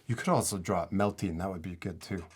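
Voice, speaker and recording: A man with a low, slightly breathy voice speaks quickly as he hosts a casual, step-by-step drawing tutorial for children. He gives simple, encouraging instructions.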